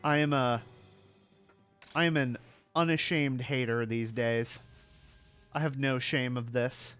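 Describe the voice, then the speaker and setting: A man's voice: mid-range voice, steady tone, takes it slowly, fairly bright tone, clear, resonant tone, faint music behind. A male streamer chatting casually while playing, ranting with swearing and self-mocking jokes. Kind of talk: casual gaming stream chat.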